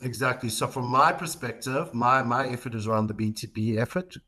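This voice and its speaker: A middle-aged man with a South African accent, a marketing executive, answers questions conversationally as a podcast guest. His medium-pitched voice is brisk, bright and forceful, with fairly even intonation.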